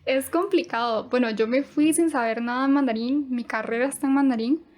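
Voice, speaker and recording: High-voiced Costa Rican woman in her twenties. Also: brisk, darkish tone. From Costa Rica. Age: 20s. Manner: brief, easygoing answers, frequent "ujú". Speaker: guest, university student. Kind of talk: casual podcast interview.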